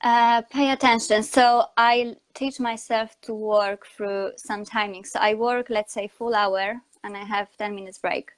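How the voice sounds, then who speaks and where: Interviewed conversationally about her work as a communication coach and online educator, a woman from Poland answers in Polish-accented non-native English. Her voice is a little high and steady, a bit slow, with few pauses.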